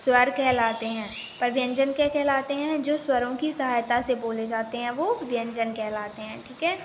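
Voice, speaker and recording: A woman with a high voice teaches a primary school grammar lesson. She asks a question, then answers it herself, spelling words out syllable by syllable. The recording echoes with a faint hiss behind it. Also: normal speed. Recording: echoey room with faint noise.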